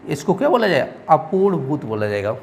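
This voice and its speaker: Hindi teacher drilling exam answers. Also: male voice, a little high, sing-song, fairly quick, a little mellow, a little hiss or hum. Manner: repeats questions back to students, frequent "theek hai". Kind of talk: exam-prep lesson. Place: coaching academy class.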